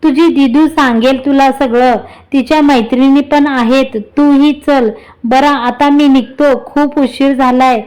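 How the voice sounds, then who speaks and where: A woman's voice: high voice, fairly even intonation, unhurried, a little mellow, rough recording. Woman reading as a teasing young husband. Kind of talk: storybook reading.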